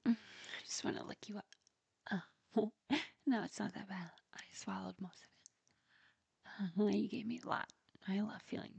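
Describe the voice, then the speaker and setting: A woman speaking in a soft, breathy whisper in an intimate roleplay recording, with frequent quiet giggles, close to the mic. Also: mid-range voice, dry recording, dull audio.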